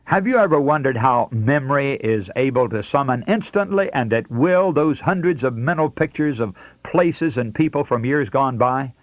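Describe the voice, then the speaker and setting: Preaching as host of a radio sermon with scripture readings, an American man speaks in a medium-pitched, expressive voice at a moderate pace, with hardly any pauses. His delivery is earnest, emphatic, and didactic, and the recording sounds dry and dull.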